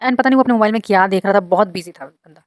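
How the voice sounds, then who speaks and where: A woman telling a personal story to her viewers with plenty of drama and indignation. Her voice sits at a middle pitch and is recorded close and dry, with no room sound. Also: racing, no echo. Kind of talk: casual storytelling.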